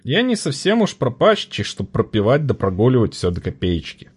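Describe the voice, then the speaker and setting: A man's voice: mid-range voice, huge pitch swings, normal speed, slightly rough, pitched above the performer's own voice, full character voice. Man voicing a sluggish battered pigeon keeper. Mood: weary complaint. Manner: sluggish, complaining.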